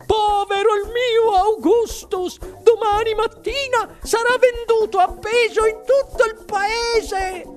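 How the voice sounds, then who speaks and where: A man puts on a panicked, shrill mother with a piercing, very high voice that stretches every word into a slow wail. She shrieks and scolds without pause in a storybook reading, with soft music underneath. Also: steady tone. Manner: shrieking, frantic, drawn-out wails. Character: shrill hysterical plump mother, middle-aged woman. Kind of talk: audiobook character voice.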